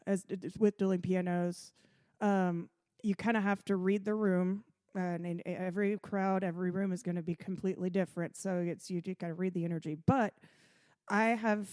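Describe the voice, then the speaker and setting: A woman's voice: fairly low pitch, steady tone, brisk, a little mellow, dry recording, studio quality. A woman, a piano bar owner and performer, talking in a chatty podcast interview with many restarts and frequent laughs.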